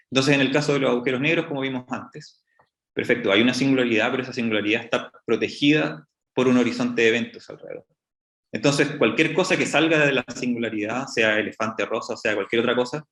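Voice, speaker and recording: A slightly bright, mid-range male voice delivers a public lecture on astrophysics, breaking ideas into steps. His explanations keep restarting, peppered with "entonces, bueno", and the lecture room echoes.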